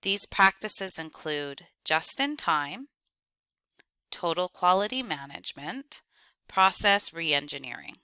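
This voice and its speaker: A woman lecturing on accounting, reading out terms, definitions and lists in clipped, deliberate steps. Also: sits low, big pitch swings, sharp tone, clean tone, no echo. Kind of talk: reading lecture slides aloud.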